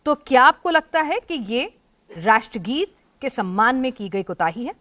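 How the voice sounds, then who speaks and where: A woman's voice: on the high side, big pitch swings, moderate pace, bright, forceful tone. A woman news anchor moderating a TV debate, pressing guests with pointed, insistent questions.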